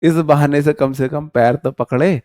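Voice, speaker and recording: A man's voice: a little high, fairly even intonation, normal speed, dark tone, dry recording, studio quality. A man teaching vocabulary in a live online lesson, chatty and joking, calling his viewers brother.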